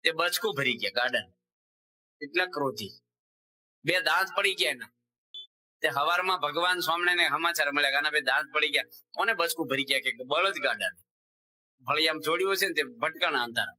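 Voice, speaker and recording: A Gujarati swami preaching with a very bright, sharp tone that sits a little high for a man. He tells stories and slips into the voices of the people in them. His delivery rises and falls with each anecdote. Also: a little fast, long pauses, a little hiss or hum, low-quality recording. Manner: animated storyteller, voicing characters in quoted dialogue. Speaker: swami giving a religious discourse. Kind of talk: sermon with storytelling.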